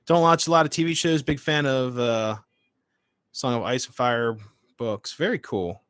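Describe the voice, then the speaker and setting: A man in his late twenties speaks as a livestream host in an informal, chatty way. His voice sits at an average pitch with very little room sound. He moves between short remarks and replies to comments. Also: unhurried, fairly bright tone, clean tone, dry recording. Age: late 20s. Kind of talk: casual livestream chat, reading and answering comments.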